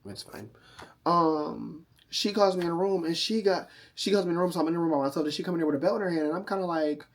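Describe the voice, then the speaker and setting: A man's voice: a little high, fast talker. A tipsy man telling a casual, profane story to camera, sassy and rambling, often losing his thread. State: drunk, tipsy.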